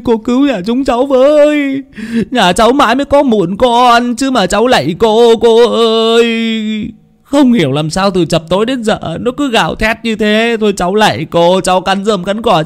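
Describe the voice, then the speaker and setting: A man's voice: normal speed, lightly acted. A man voicing a desperate village mother begging for her child's life. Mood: pleading. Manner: begging, high and wailing.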